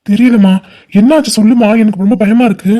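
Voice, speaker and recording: A woman voicing a worried middle-aged father in a cartoon, gentle and reassuring. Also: mid-range voice, fast, natural voice. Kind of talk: cartoon voice acting.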